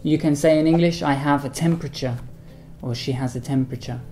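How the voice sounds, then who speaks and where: A man teaching English vocabulary in a bilingual lesson, repeating each model sentence slowly and carefully. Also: fairly high pitch, mellow, faint music behind.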